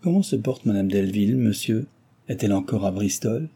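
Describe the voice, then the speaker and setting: A man's voice: lowish voice, animated, fairly quick, mellow, husky. A man voicing a shy, flustered young heiress, speaking in a hesitant, reserved and polite way. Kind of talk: audiobook character reading.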